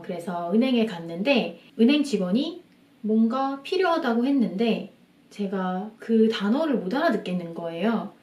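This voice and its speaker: A young woman in a casual lesson vlog, chatting and slowly sounding out English phrases as examples. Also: mid-range voice, darkish tone, roomy sound, distant mic. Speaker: English tips vlogger. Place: small room.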